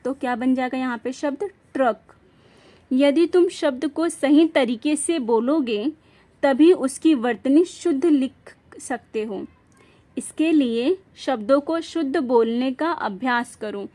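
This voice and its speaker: Slow high-voiced woman teaching grammar. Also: a little mellow. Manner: slow, spells words letter by letter; asks questions then answers them. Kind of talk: classroom-style grammar lesson.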